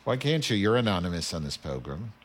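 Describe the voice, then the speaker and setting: A man's voice: low voice, very animated, a little fast. A man hosting a radio show, brash and teasing, muttering to himself while he dials a phone. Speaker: radio host. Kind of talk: casual radio banter.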